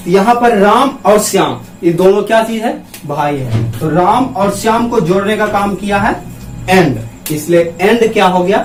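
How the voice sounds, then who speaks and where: A man teaches grammar at a classroom board. He keeps asking questions and answers them himself. The sound is roomy and picked up from a distance. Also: high voice. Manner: writes on a board with a marker. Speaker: English teacher.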